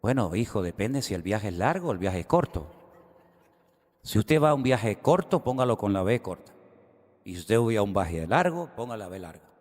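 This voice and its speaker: A man's voice: fairly low pitch, big pitch swings, moderate pace, a little mellow, big-room sound. A man voicing a blunt, crude father who answers his son, in a sermon joke.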